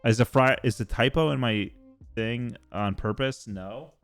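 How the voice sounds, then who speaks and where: A man's voice: medium pitch, unhurried, faint music behind. A young adult man streaming, chatting casually and rambling with lots of fillers and casual swearing. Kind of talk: casual chat.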